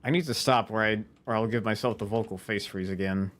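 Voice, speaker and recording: A man's voice: fairly low pitch, steady tone, a little fast, a bit bright. Man chatting through a game. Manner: chatty, talking to himself as he plays. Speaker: gaming video creator. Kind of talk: casual let's-play commentary.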